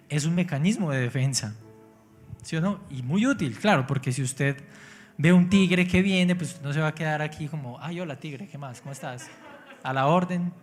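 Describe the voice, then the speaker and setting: A man preaching a sermon, joking at his own expense and often asking his congregation questions. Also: on the high side. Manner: engaging, asks the congregation questions; humorous, self-mocking. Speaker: pastor. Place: church.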